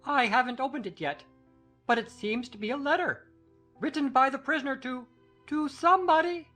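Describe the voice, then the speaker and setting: A woman voicing a fussy, officious little rabbit herald in a shrill small voice for a children's audiobook drama. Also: normal speed, fairly bright tone, soft background music. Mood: fussy, eager. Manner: officious, fussy, crying out announcements.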